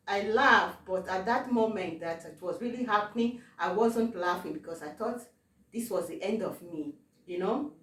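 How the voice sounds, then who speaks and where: A woman from Africa telling a personal testimony, halting, with many fillers and repeated words. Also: mid-range voice. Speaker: testimony vlogger. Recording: roomy, distant from the mic.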